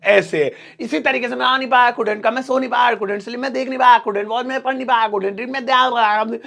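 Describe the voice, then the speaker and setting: A man teaching English sentences in a casual, joking style, slowing down to repeat each drill example. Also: extremely high pitch, steady tone, creaky, pushed and bright. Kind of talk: casual Hindi English lesson.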